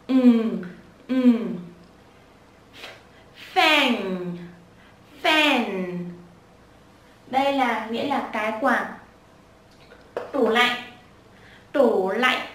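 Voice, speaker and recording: A high-voiced woman teaches children to pronounce words, going slowly and repeating each one sound by sound. She speaks from a little way off the mic in an echoey room. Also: fairly bright tone, far from the mic. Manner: patient, repeats each word slowly and breaks sounds apart. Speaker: English pronunciation teacher for children. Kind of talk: slow spoken lesson with repeated drills.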